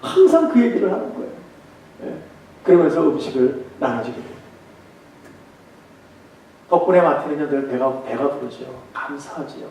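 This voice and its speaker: A man's voice: fairly high pitch, big pitch swings, moderate pace, long pauses, a little hiss or hum. A male pastor preaching emphatically and telling a story in a church sanctuary, recorded from a distance in a very echoey room. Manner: emphatic preaching, some passages told in a softer tone. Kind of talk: sermon with storytelling. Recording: echoey hall, far from mic.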